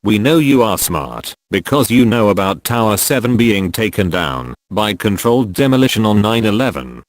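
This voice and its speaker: A man reading a grave, measured scripted address as an anonymous spokesman, his voice disguised to sound deep. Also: very animated. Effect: disguised deep voice, pitch-lowered.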